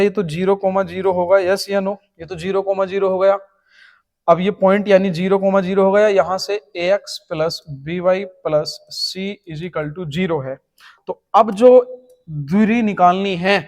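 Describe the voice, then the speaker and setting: In an exam-prep math lecture, a man with a high voice for a male speaker walks through a formula step by step, stopping to check that his students are keeping up. A long, echoey room reverb hangs over the sound.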